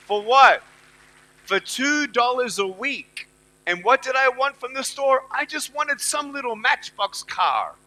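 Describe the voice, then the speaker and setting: A man's voice: very high voice, bright, forceful tone, low-quality recording. A middle-aged man giving a motivational speech to students at a university event. He talks emphatically and repeats his key phrases. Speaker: motivational speaker.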